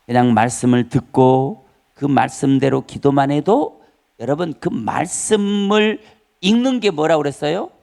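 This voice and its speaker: A man's voice: a little high, unhurried, creaky, darkish tone. A male pastor preaching an emphatic Sunday sermon in a church, repeating key phrases and calling for the congregation's response. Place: church sanctuary.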